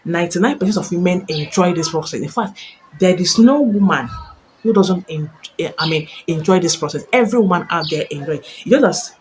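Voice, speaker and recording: Low-voiced woman giving chatty advice. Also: expressive, brisk, a little mellow, a little hiss or hum, rough recording. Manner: repeats phrases, tags lines with "okay?". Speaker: relationship advice vlogger. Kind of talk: casual instructional talk to camera.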